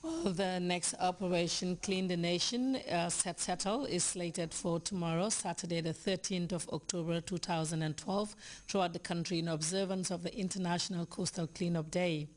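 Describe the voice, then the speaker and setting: A woman with a Gambian accent reading the news as anchor, steady and formal. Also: fairly low pitch, moderate pace.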